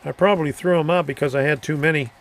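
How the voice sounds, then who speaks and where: A man's voice: fairly high pitch, fast, fairly bright tone. A middle-aged man hosting a live stream, chatting casually and answering viewer comments, rambling and chuckling between thoughts. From Florida.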